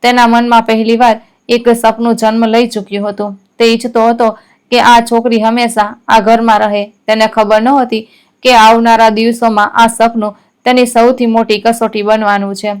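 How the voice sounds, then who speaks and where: A woman narrating a scripted story in a steady, measured reading. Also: on the high side, clean tone.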